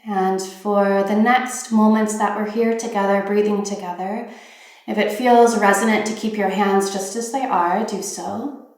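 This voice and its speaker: A woman leads a guided meditation, offering gentle, soothing instructions unhurriedly and with pauses. Her medium-pitched voice keeps a fairly even intonation, and the very echoey room makes the recording highly reverberant.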